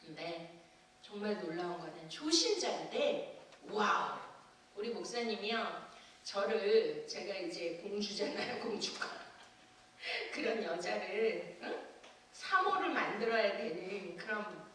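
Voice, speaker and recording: A woman pastor preaching a sermon, telling a personal testimony with lively acted-out scenes and frequent laughter. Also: mid-range voice, unhurried, a little hiss or hum. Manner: animated testimony storytelling, acting out scenes, laughing often. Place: church sanctuary. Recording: echoey church from far off.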